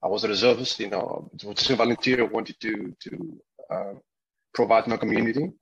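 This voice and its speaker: A man who grew up in Greece, a whistle-blower guest giving a halting personal account on a video call, with many fillers and restarts. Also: fairly low pitch, steady tone, creaky, fairly bright tone, husky, lo-fi sound.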